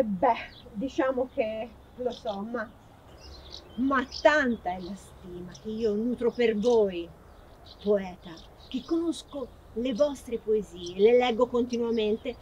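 A woman's voice: on the high side, a little mellow, slight background noise. An actress playing a gracious noble lady from a castle who admires a poet. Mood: admiring. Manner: gracious, slow, reciting poetry with feeling. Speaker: actress in a short film. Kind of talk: amateur theatre acting.

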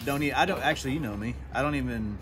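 A man's voice: medium pitch, fast talker, crowd noise. A man, chatting casually to camera while unboxing finds outdoors at storage units. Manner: chatty, animated, jokey asides. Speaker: storage unit vlogger. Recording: outdoor recording with clear background noise.

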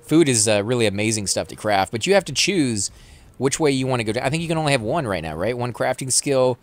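An expressive, mid-range male voice with a Texan accent carries this casual let's-play. He chats and rambles while playing, laughing often.

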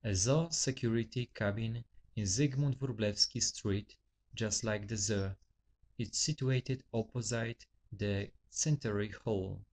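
A man reading his own novel aloud, halting often and correcting his own stumbles. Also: lowish voice, darkish tone. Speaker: author.

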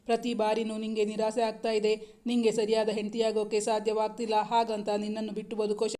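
A woman voicing an emotional, fretful young bride in a storybook romance, with soft, even delivery. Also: medium pitch, a little fast, lightly acted. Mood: apologetic.

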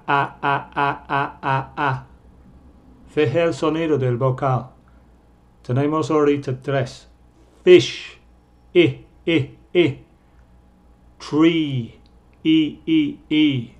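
A man teaching vowels to Spanish speakers at a very slow, deliberate pace, his voice sitting a little higher than most men's. He repeats each vowel sound over and over and leans on it for emphasis. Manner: repeats vowel sounds many times, stressing them louder; slips and corrects himself. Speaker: English teacher.

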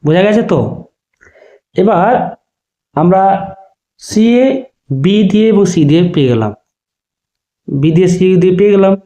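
A man teaching a spoken lesson to students, spelling letters out slowly and often checking that they understood. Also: high voice, warm tone, lo-fi sound. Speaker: online teacher.

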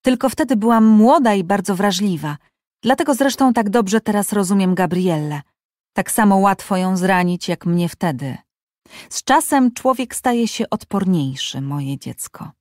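Woman reading as a calm, wise older woman. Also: medium pitch, unhurried, no echo, studio quality, natural voice. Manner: calm, soothing.

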